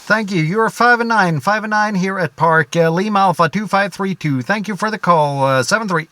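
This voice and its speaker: Man, ham radio call, phonetic call signs, slightly high pitch. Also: brisk, bright, forceful tone, dry recording. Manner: calling out over the air in clipped, formulaic radio phrases. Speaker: amateur radio operator.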